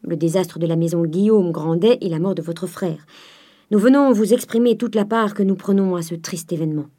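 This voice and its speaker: A woman's voice: on the low side, brisk, mellow, close to an everyday voice. A woman voicing a blustering male banker and former soldier. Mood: solemn. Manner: bluff, emphatic.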